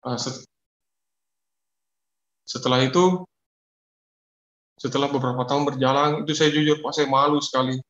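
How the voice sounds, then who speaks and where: A man's voice: medium pitch, fairly even intonation, moderate pace, long pauses, a bit bright. A man giving an earnest, confessional personal testimony, often repeating himself. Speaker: testimony speaker. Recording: echoey, dull lo-fi audio.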